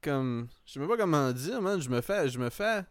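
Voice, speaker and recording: A man's voice: fairly high pitch, animated, normal speed, clear, resonant tone, dry recording, studio quality. Rambling man with a Quebec French accent. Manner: rambling, repeats himself, peppers talk with English slang. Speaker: podcast host. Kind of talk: casual chat, comic anecdote.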